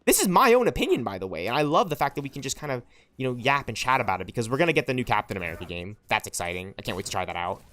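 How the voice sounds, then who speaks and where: Fast-talking young male game streamer. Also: fairly low pitch, animated, a bit bright. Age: 20s. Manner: rambling and passionate, keeps asking "right?". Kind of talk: livestream chat with viewers.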